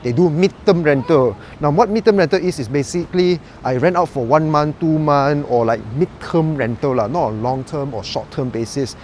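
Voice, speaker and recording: A young Malaysian-accented man talks at normal speed with hardly any pauses, his slightly high voice carrying a darkish tone, as he walks through a residential complex and its outdoor spaces for a property vlog. He's chatty and upbeat, using "lah," with a little hiss or hum.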